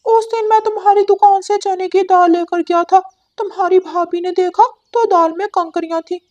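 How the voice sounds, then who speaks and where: A woman voicing a young male parrot in a cartoon, a loud tattletale who whines and stammers when scared. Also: very high voice, fairly even intonation, moderate pace, dull audio, voice pushed up. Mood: taunting.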